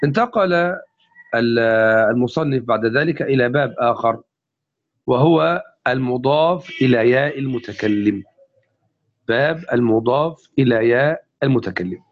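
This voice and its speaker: A man's voice: medium pitch, animated, moderate pace. Man teaching grammar in a dull recording. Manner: explains step by step, repeating examples. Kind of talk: classical grammar lesson.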